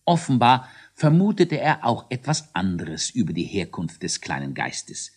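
A man giving an expressive storybook reading for children, shifting into voices for the characters. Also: mid-range voice, unhurried, husky. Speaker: narrator.

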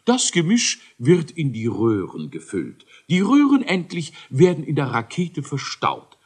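A fretful little dwarf scientist whines and stammers in a storybook reading, as a man puts him on. His voice sits very high, husky and loud. He fusses over his science in a rising, anxious way. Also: huge pitch swings, measured pace, heavily acted. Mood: lecturing. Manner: whiny, fretful, hesitant. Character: fussy, nervous male dwarf scientist. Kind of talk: audiobook character voice.

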